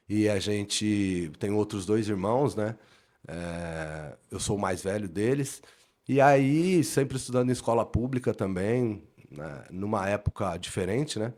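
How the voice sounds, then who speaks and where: Speaking in a mid-range, darkish voice, a middle-aged police officer, a lieutenant colonel, appears as a podcast guest. Originally from inland São Paulo state in Brazil, he recounts his story in an earnest, formal way, repeating words while gathering his thoughts.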